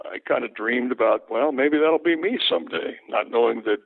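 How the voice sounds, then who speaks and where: An older male sportscaster recounts stories in a relaxed, anecdotal way. His voice is gravelly, and it comes through a tinny, phone-like line with a dry sound. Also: mid-range voice, moderate pace, no room sound. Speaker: sportscaster guest. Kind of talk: storytelling interview.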